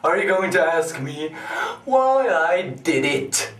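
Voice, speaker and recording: Crazy gleeful villain clown monologue, mocking, erratic, pitch all over the place, echoey and kinda far from the mic. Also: male voice, big pitch swings, slow, exaggerated voice. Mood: mock-polite, menacing. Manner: theatrical, mocking, erratic swings between whispering and shouting. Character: deranged, gleeful, sadistic male supervillain clown in an asylum. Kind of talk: theatrical dramatic monologue.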